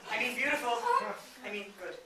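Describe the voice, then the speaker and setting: A man's voice: high voice, animated, brisk. A young man playing a flustered nerdy freshman. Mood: awkward. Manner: flustered, backpedaling. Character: awkward, nerdy male college freshman. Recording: echoey stage from far off, loud noise.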